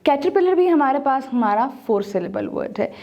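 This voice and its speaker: A woman narrating a video lesson, teaching slowly and sounding out words syllable by syllable. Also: sits high, animated, dull audio. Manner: slow, deliberate, sounds out syllables one by one.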